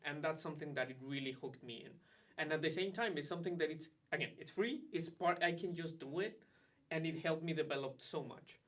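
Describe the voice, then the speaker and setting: A man's voice: on the high side, a little fast. Chatty male grad student, slightly distant. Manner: animated, chatty, frequent fillers. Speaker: graduate student ambassador. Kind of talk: casual conversation.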